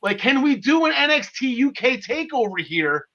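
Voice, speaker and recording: A man with a very high, bright voice hosts a casual sports podcast. He rambles along enthusiastically in slangy everyday speech. The audio is dull and lo-fi. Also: big pitch swings, moderate pace. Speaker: podcast host. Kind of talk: casual wrestling podcast discussion.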